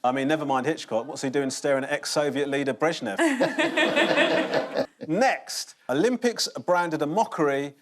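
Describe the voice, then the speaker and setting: A man's voice: a little high, animated, a little slow, a little hiss or hum. A man hosting a comedy panel show with dry joking delivery. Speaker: host. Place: TV studio with audience.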